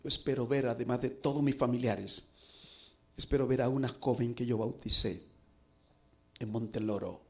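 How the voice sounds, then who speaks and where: A middle-aged pastor preaching, telling a personal story earnestly with dramatic pauses. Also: male voice, mid-range voice, fairly bright tone. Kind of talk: sermon storytelling.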